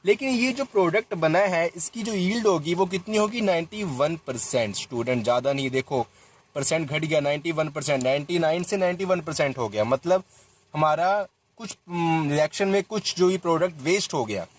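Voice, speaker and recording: Speaking at a moderate pace with a fairly high pitch, this young man walks his students through a chemical reaction in a chalk-talk lesson. He addresses them directly, pausing to repeat and fix himself while writing formulas, over a slight background hiss or hum.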